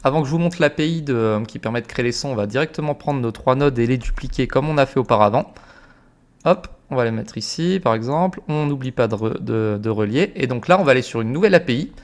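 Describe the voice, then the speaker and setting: Young male tutorial host, mid-pitched, laid-back and informal, hesitant filler-heavy delivery. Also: quick pace. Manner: relaxed, many fillers, informal slang. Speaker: automation tutorial creator. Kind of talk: casual screen-recorded tutorial.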